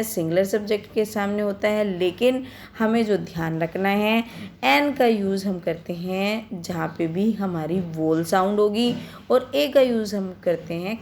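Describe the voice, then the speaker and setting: A woman teaching a worksheet lesson. She explains step by step, asks the class questions and reads the English examples slowly and clearly. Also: medium pitch, a little mellow, a little hiss or hum.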